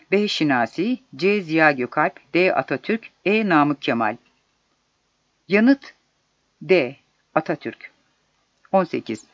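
A man with a high voice reads exam questions and their solutions aloud in a measured, deliberate way. The recording is dull and lo-fi and very dry, with no room sound at all. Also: a bit bright, no room sound. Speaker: exam prep narrator.

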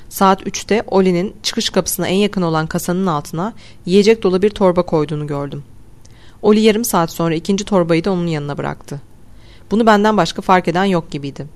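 A steady first-person audiobook narration of a suspenseful novel. The reader keeps an even, measured storytelling delivery, letting the tension come from the text rather than from big vocal swings. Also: medium pitch. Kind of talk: scripted narration.

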